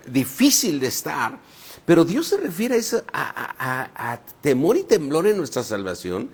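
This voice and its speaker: Gravelly, husky male pastor preaching. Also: a little high. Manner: preaches and reads scripture aloud, stressing key words. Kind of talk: sermon.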